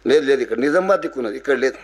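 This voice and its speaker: A man's voice: medium pitch, expressive, racing. A man with a Telangana accent, preaching a devotional sermon in an earnest, exhorting way that uses rhetorical questions. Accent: Telangana Telugu. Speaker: kirtan preacher.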